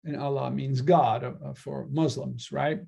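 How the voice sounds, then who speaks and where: Gravelly New man lecturing. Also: medium pitch, fairly even intonation, unhurried, dark tone. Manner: conversational, frequent tag "right?". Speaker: philosophy teacher. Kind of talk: casual spoken lecture.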